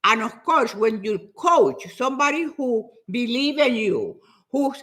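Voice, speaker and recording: A woman in her seventies, a Spanish speaker by first language, chatting casually with her viewers about fitness, often repeating words as she goes. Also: a little high. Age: 70s. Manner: lively, repeats herself, says she talks fast.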